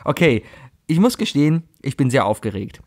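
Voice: mid-range voice, sing-song, brisk. A man voicing an old, tired male Christmas helper in a comic story reading, hesitant and puffing.

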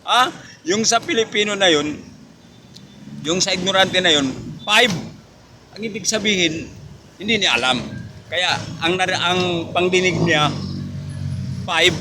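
Filipino comic host, high voice, chatty storyteller who keeps saying "ha?"; noisy roadside. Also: male voice, measured pace, long pauses. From Philippines. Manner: keeps adding a questioning "ha?"; chuckles at his own jokes. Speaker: joke teller and host. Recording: noisy with passing vehicles.

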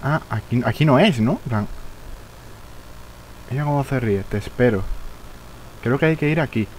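A young man from streaming live gameplay, chatting casually, swearing and shouting when the game frustrates him. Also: mid-range voice, normal speed, a little hiss or hum, low-quality recording.

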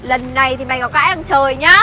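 A woman's voice: high voice, quick pace, sharp tone, slight background noise. An actress playing a harsh young mother who berates an orphan boy, scolding sharply in a scripted web sitcom. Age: young adult. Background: background music.

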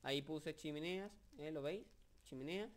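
A man's voice: on the high side, moderate pace. Joking young Spaniard narrating his gameplay. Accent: Spain Spanish. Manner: joking, rambling, excitable with many fillers. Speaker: gameplay commentator. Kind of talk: casual video game commentary.

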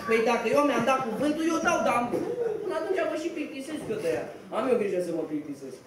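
A man's voice: extremely high pitch, big pitch swings. A man playing a swaggering idle schemer on stage. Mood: boastful. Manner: swaggering, theatrical, laughing at his own schemes. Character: boastful cynical young man-about-town, idle schemer. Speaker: stage actor. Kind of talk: live stage comedy acting. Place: small cafe theatre stage, indoors. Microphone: far camera mic. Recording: echoey theatre, distant mic, noise.

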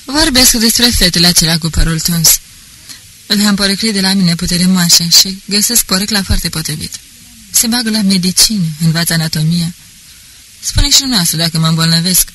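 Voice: mid-range voice, husky, poor audio. A reader doing a pompous chattering police officer. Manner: pompous, rambling, excitable. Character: boastful talkative middle-aged male police officer. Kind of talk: audiobook character reading.

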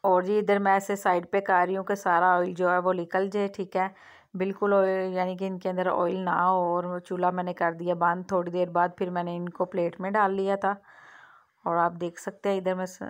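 A woman's voice: fairly low pitch, little pitch movement, normal speed. Homely woman narrating a kitchen vlog. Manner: homely, repeats "theek hai" and "mashallah" often. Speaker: cooking channel host. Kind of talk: casual cooking vlog narration. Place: home kitchen.

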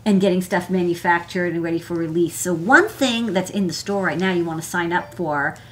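There's a little hiss or hum as a lowish-voiced American woman talks fairly quickly. In her thirties or forties, this electronics engineer hosts a rambling live hardware show-and-tell from a desk workspace indoors, leaning on "like" and "you know".

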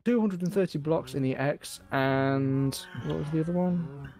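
A man's voice: a little high, normal speed, mellow. Playful man chatting over a game. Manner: playful, breaks into song and silly voices. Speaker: let's play host. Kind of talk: casual chat while gaming.

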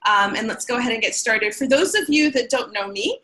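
Bright-voiced woman hosting a webinar. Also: on the high side, expressive, brisk, a little hiss or hum, low-quality recording. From Sudan. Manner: upbeat, many filler ums. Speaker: webinar host. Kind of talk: webinar presentation. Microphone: webcam on video call.

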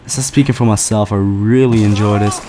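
A man casually commentating a video game playthrough, chatty and excitable, swearing often. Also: lowish voice, moderate pace, slight background noise. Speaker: gameplay commentator. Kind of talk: casual let's-play commentary.

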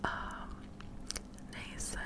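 A middle-aged woman whispering quietly in casual, rambling, self-deprecating ASMR chat, close to the microphone. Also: extremely slow. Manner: quiet, hushed late-night whispering. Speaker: ASMR video creator. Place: furnished living room at home, indoors. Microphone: furry-covered microphone close to the mouth.

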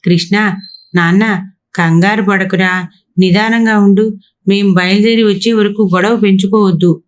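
A woman voicing an anxious, caring middle-aged mother in a storybook reading, soothing and gentle. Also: medium pitch, fairly even intonation, a little slow, close to an everyday voice. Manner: soothing, worried.

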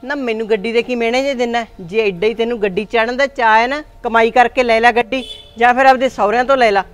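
A man doing a high, fast-scolding old mother-in-law. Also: steady tone, clear, resonant tone. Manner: scolding, sharp-tongued. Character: nagging older village mother-in-law.

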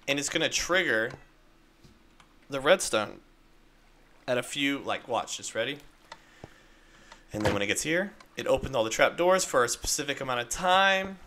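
A man's voice: mid-range voice, bright, forceful tone, a little hiss or hum. A man casually narrating a game-building tutorial step by step, upbeat and playful with little sound effects. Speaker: Minecraft video creator.

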